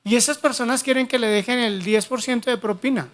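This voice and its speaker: A pastor preaching a sermon, reading Bible passages aloud with dramatic pauses. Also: male voice, very high voice. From Colombia.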